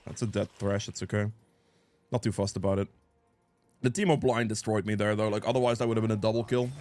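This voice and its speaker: A man's voice: on the low side, steady tone, fast, darkish tone. A man giving casual live commentary on a video game as he plays, thinking aloud and reacting as he goes, sniffly with a cold. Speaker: gameplay guide creator and player.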